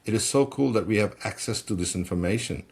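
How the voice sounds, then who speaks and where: A middle-aged man from Malaysia speaks in a fairly low voice as a podcast guest. He tells stories with animation and keeps restarting words as he gets excited. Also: quick pace, gravelly, breathy edge. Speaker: guest, personal development coach. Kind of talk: conversational storytelling.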